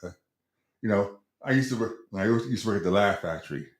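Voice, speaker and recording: Middle-aged man with lively pitch, roomy echo. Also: quick pace. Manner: hedging, stumbles and repeats words, tells anecdotes. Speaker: sports talk show co-host. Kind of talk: casual sports chat.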